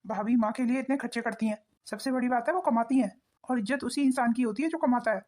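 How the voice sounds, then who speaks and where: A woman voicing a husband in a cartoon, talking in a quick, lecturing manner. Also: a little high, a little mellow, lightly acted. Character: husband, a grown son of the family.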